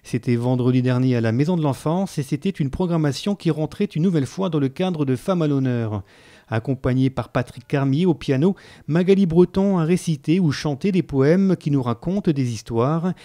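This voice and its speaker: A man reads a local news report as a calm voice-over. His voice sits a little high and sounds mellow and relaxed. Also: moderate pace.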